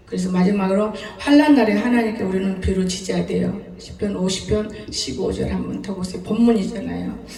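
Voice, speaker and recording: A woman pastor in her seventies, with a medium-pitched, mellow voice, preaches a sermon in a folksy, storytelling style, frequently laughing as she speaks. The mic is distant, picking up the echo of a church hall.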